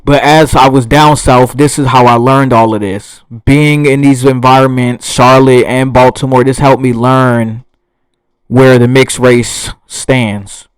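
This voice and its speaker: A man's voice: medium pitch, level tone, measured pace, clear, resonant tone, no room sound, rough recording. A young man with a Southern US accent, talking bluntly and profanely to camera in a rambling monologue. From Southern United States. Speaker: vlogger.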